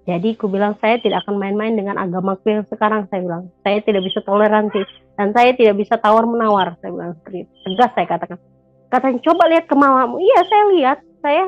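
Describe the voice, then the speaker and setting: A woman's voice: mid-range voice, no echo. Woman, testimony storyteller who acts out quoted dialogue, hesitant, dry lo-fi recording. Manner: retells events by acting out quoted dialogue, with frequent hesitations. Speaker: convert giving a religious testimony. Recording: dull lo-fi, dry sound, faint music behind.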